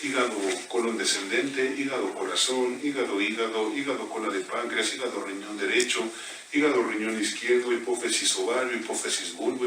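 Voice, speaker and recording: A man working as a biomagnetism therapist, reciting pairs of body points in a quick, steady murmur during a live scan. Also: on the low side. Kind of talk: rapid-fire live scanning recitation. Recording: echoey room, distant mic, background noise.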